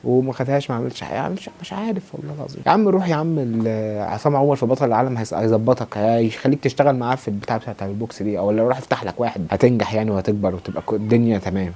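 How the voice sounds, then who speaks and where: A young Egyptian man rattles off a review at breakneck speed. His voice is dark and a little husky. He sounds exasperated and sarcastic throughout. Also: mid-range voice, rapid-fire. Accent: Egyptian Arabic. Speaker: TV series reviewer. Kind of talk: fast ranting review.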